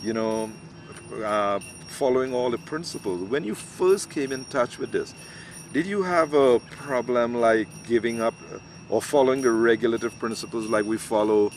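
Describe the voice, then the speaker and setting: A man hosting an interview, asking questions in a measured way with hesitant restarts. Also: mid-range voice. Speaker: host. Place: outdoors, in hills. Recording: noisy outdoor recording.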